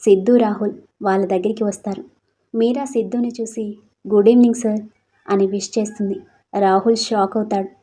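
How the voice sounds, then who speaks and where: A woman's voice: mid-range voice, fairly even intonation, brisk, mellow. A woman narrating an emotional love story aloud, reading every character's dialogue in her own voice.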